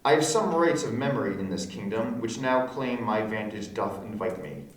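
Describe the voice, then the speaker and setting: A man's voice: fairly low pitch, animated, moderate pace, close to an everyday voice. Man playing a solemn conquering prince, echoey room. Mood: solemn, commanding. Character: solemn conquering young prince giving orders. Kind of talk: amateur read-through of a Shakespeare play. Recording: echoey room, distant mic.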